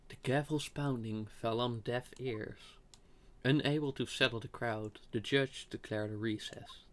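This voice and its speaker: Man reading a game aloud, mid-pitched. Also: fairly even intonation, unhurried, fairly bright tone. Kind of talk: casual let's play, reading and commenting.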